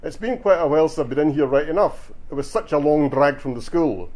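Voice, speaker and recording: A man's voice: fairly high pitch, brisk, a little mellow, pitched above the performer's own voice, natural voice. A man voicing a stocky, cheeky retired Glaswegian man with a broad dialect, telling a boastful story at a bookshop reading. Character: cheeky stocky older Glasgow man, joker. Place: bookshop event.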